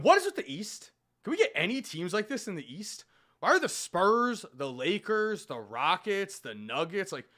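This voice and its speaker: A man hosting a live reaction stream, talking excitedly and jumping between topics. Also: high-pitched. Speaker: livestream host reacting to news. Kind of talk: casual live reaction commentary.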